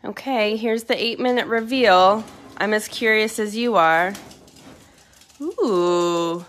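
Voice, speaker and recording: A woman's voice: a little high, a little slow, a bit bright, slight background noise. A woman chatting enthusiastically through a casual cooking vlog in her home kitchen, filming on a phone in her hand. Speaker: home cook. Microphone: phone held in hand.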